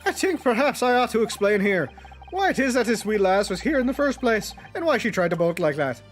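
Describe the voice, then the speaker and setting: High, lilting leprechaun-like Irishman. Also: very animated, a little fast, faint music behind. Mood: deferential, earnest. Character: folksy Irish gentleman witness, leprechaun-like, blarney-laden and deferential. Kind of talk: theatrical video game character reading.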